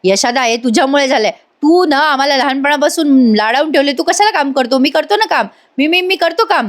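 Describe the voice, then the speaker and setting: A woman's voice: sits high, expressive, a little fast, pitched above the performer's own voice. A woman voicing an eager young village man who shows off.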